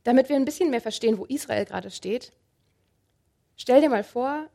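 A woman preaching a sermon, speaking calmly and earnestly and addressing the listener directly. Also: fairly high pitch, moderate pace, vocal fry. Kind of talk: sermon with Bible reading.

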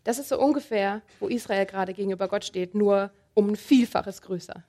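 A woman preaching a sermon, speaking calmly and earnestly and addressing the listener directly. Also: medium pitch, fairly quick. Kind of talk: sermon with Bible reading.

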